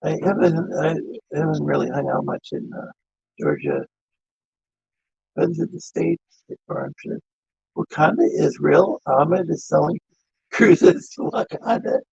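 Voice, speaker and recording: A man speaks over a dull, lo-fi phone line, and his voice has a glitchy, metallic, robotic edge. Under the digital artifacts his tone is husky and heavily gravelly, fairly high for a man. He talks haltingly and trails off as he goes. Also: huge pitch swings, a little mellow, no room sound. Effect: glitchy robotic metallic sound on his voice. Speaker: call-in guest on a voice chat show. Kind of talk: casual online chat. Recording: dull lo-fi phone call audio.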